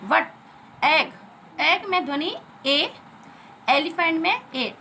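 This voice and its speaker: A woman's voice: very high voice, lively intonation, takes it slowly, bright, forceful tone, a little hiss or hum, low-quality recording. An Indian woman teacher giving a phonics lesson to children, spelling out letters and repeating each sound.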